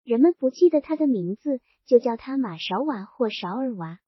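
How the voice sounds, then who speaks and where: A woman reads a novel aloud as narrator, keeping a steady storytelling pace through the scene. Her voice is high and a little breathy. The recording is dry and somewhat dull, with no room sound. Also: normal speed, dry recording. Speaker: audiobook narrator.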